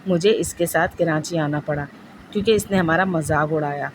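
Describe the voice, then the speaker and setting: A woman's voice: deep voice, noisy background. Woman telling a ghost story. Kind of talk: first-person ghost story narration.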